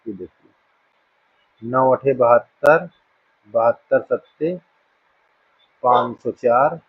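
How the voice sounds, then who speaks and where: Man, maths teacher, patient step-by-step explaining, husky, muffled lo-fi recording. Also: medium pitch, slow. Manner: patient, checks in with "thik hai na" often. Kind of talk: blackboard maths lesson. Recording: dull dry lo-fi room sound.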